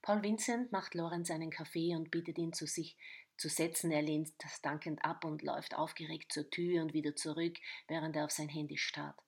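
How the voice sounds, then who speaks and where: A woman reads a short crime serial aloud, her voice sitting somewhat low. She tells the story and slips into the characters' lines, sometimes dropping into a whisper. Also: steady tone, normal speed. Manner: reads dialogue in varied voices, some whispered. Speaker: narrator. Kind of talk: storybook narration with voiced dialogue.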